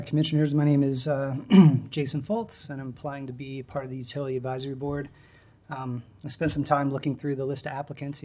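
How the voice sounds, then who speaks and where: A man giving a measured, formal podium speech with prepared remarks at a public meeting. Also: medium pitch, darkish tone. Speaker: applicant, union member.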